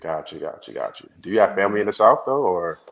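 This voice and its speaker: Casting: thirties man, very deep, quick talker, dull lo-fi clip audio. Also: lively intonation, creaky. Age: 30s. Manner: asks question after question. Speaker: dating show contestant. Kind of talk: casual conversation in a clip.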